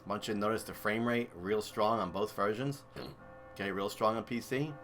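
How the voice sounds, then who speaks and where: A man's voice: fairly low pitch, a little fast, a bit bright, slight background noise. A man streaming and commentating a video game comparison in a chatty, enthusiastic way. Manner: chatty, enthusiastic, thinks aloud. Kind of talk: casual gameplay commentary.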